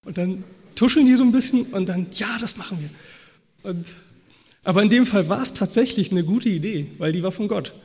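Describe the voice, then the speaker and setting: A man's voice: sits high, warm tone. Preaching man in an echoing hall. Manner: acts out biblical dialogue in quoted voices. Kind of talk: sermon. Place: church hall. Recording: long reverb of a church hall.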